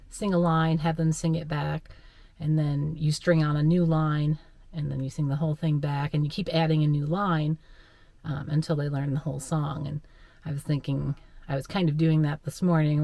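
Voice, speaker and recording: A woman's voice: sits low, a little mellow, dry recording. A woman chatting casually and musing aloud as she records a running vlog outdoors on park trails. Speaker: vlogger and recreational runner. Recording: clear outdoor background noise.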